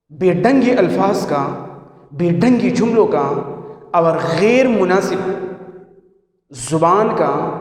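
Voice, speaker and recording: Male teacher, Pashto accent, patient repetitive lecturing, high voice in a reverberant room. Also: a little mellow. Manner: explains slowly, repeating phrases with examples. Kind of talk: classroom lecture on punctuation. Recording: echoey room with long reverb.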